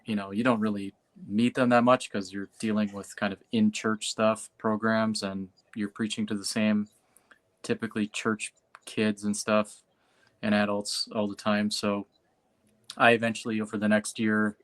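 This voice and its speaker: A man's voice: on the low side, level tone, moderate pace. A man speaking as a host and pastor in a casual chat, loosely and often correcting himself.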